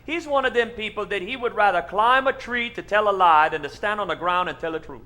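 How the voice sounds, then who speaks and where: High, bright-voiced Cajun man telling tales. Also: a little hiss or hum. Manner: folksy, drawn-out emphatic delivery with repetition. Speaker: comedian. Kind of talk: humorous storytelling to an audience.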